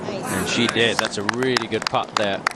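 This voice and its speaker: A man's voice: lowish voice, fairly even intonation, moderate pace. A man commentating live on golf, following each putt with brief, approving remarks. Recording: loud crowd and outdoor noise. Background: crowd and outdoor ambience.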